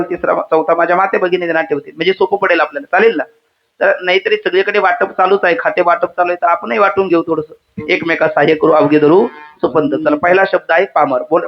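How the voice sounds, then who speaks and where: High-voiced man preaching to a crowd. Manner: interactive, quizzes the audience and asks them to repeat words; humorous asides. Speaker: kirtan preacher. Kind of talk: devotional kirtan sermon. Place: hall with a live audience. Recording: dull lo-fi sound.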